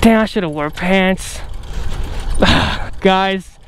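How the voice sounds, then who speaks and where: A man's voice: high-pitched, drawn-out words, fairly bright tone, slight background noise. A young man vlogging outdoors on a camera mic, swearing and joking at himself while in pain. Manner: swearing, pained and self-mocking. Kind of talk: casual vlog talk to camera.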